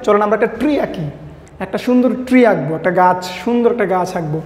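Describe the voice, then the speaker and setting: A man's voice: sits high, expressive, quick pace, a little mellow. A man, teaching an English grammar lesson and quizzing his listeners with repeated questions. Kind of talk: classroom lesson. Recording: echoey room with long reverb.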